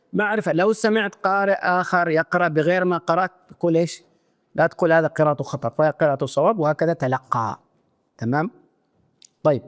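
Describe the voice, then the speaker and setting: A man teaching Quran reciters in a religious lecture, often checking his listeners with quick rhetorical questions. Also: fairly high pitch. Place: mosque lecture hall.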